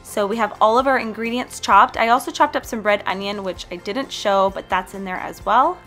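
Speaking fairly quickly in a mid-range, fairly bright voice, a young woman from Canada narrates her healthy food vlog. The voice-over is casual and upbeat as she chats and recommends foods directly, over faint background music.

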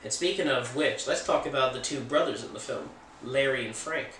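A man's voice: medium pitch, a little fast, a bit bright, far from the mic, a little hiss or hum. A man talking casually as a film reviewer, chatty and opinionated, with offhand jokes. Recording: roomy sound from off the mic.

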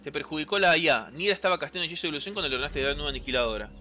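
Excitable Rioplatense man, bright tone. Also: on the high side, rapid-fire. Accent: Rioplatense Spanish. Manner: chatty, excitable, reads game text aloud, answers chat. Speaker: gameplay streamer. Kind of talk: casual gameplay commentary.

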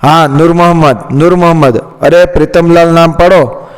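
A man voicing a shrewd older male merchant, calm and cunning, in a storybook reading. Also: fairly high pitch, a little slow. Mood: shouting. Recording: long hall reverb.

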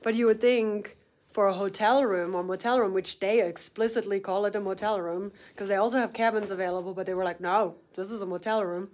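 A woman in her thirties, a thru-hiking vlogger, talking casually to her phone camera in a small wood-paneled motel room, a bit complaining and quick to laugh. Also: mid-range voice, steady tone, a little mellow. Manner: chatty, mildly complaining, laughs often. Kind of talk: casual vlog talk to camera. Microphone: phone camera at arm's length.

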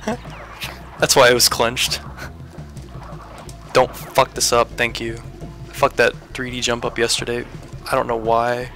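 A man's voice: mid-range voice, little pitch movement, measured pace, long pauses, music in the background. A man giving live commentary on his own speedrun, swearing and muttering to himself as he plays. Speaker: speedrunner streaming a run.

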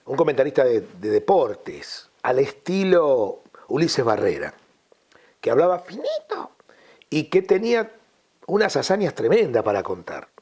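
A middle-aged man with a Rioplatense accent talks through old radio memories in a relaxed, chatty interview. His voice is husky and somewhat breathy, and he sits at an ordinary mid pitch. He tells his stories with energy, sometimes slipping into mock announcer voices. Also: a little slow. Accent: Rioplatense Spanish. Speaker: radio host guest. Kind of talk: casual interview chat.

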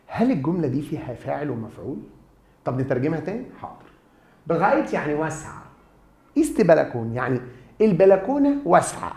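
A man's voice: on the high side, creaky, reverberant. A man with an Egyptian Arabic accent, a German teacher giving a lecture, asking questions and answering them himself. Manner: lively, asks and answers his own questions. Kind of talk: classroom lecture.

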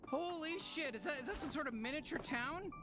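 A man's voice: very high voice, fairly quick. A man voicing a crude, jittery talking alien gun sidekick in video game dialogue. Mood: amazed. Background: game music.

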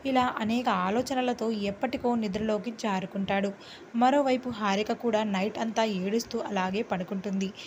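Woman narrating a story at medium pitch. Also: steady tone, normal speed, a little hiss or hum, low-quality recording.

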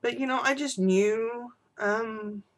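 A woman's voice: fairly high pitch, takes it slowly. Teary woman rambling in a video diary. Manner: rambling, apologetic talk. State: teary, voice breaking. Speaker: vlogger. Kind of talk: unedited personal video diary.

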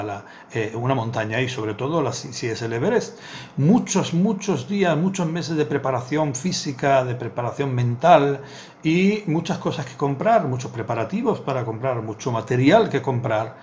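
A middle-aged rabbi gives a Torah lesson in a small indoor study lined with bookshelves, recorded on a desk webcam. He tells a parable earnestly, repeating words for emphasis, in a mid-range, slightly mellow voice with slight background noise.

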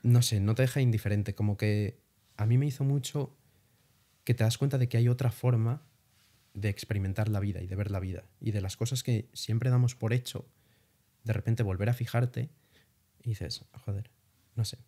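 A man's voice: lowish voice, normal speed. A young man from Spain, telling his travel experiences as a guest in a casual interview, swearing lightly as he goes. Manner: animated storytelling with casual swearing.

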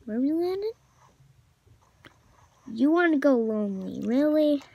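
A young woman chatting casually while playing a video game, excitable and chatty, shouting at opponents now and then. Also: high voice, a little slow, creaky, no room sound. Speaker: gamer. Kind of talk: casual gameplay commentary.

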